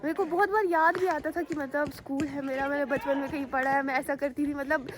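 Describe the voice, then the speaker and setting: A woman's voice: high-pitched, fairly even intonation, fairly quick. A woman vlogger from Jammu and Kashmir, talking to viewers in a chatty, rambling way and recording herself outdoors on a handheld phone. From Jammu and Kashmir, India. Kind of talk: casual vlog storytelling to viewers. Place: outdoors on a rooftop and at a school ground.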